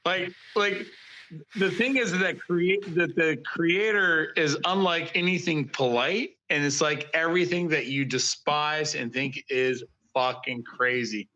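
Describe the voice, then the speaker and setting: A man's voice: on the high side, measured pace. A man, a guest artist on a podcast, talking in a loose, profane, rambling way and acting out stories. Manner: profane, rambling, animated storytelling. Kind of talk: casual interview chat.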